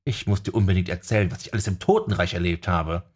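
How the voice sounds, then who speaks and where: A man's voice: sits low, quick pace, a little mellow, husky. A man voicing a young male mage who speaks eagerly to his friend in an audiobook. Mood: warm.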